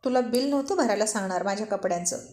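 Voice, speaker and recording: A woman's voice: medium pitch, expressive, quick pace, a little mellow, roomy sound, lightly acted. A woman voicing a teasing, bossy young married man in bantering talk with his friends. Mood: joking.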